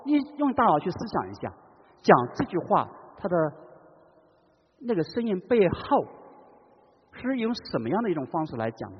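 Male preacher, fairly high husky voice, dramatic delivery from loud to hushed, recorded dull in a reverberant church hall. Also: wildly swooping pitch, normal speed, pauses often. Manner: dramatic, swings between loud calls and hushed tones. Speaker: pastor. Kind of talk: sermon.

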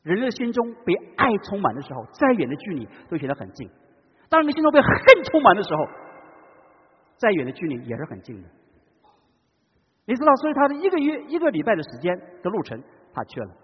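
A man preaching a sermon in a church, swinging between loud calls and hushed tones. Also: high voice, huge pitch swings, quick pace, husky. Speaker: pastor. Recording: dull long-reverb hall recording.

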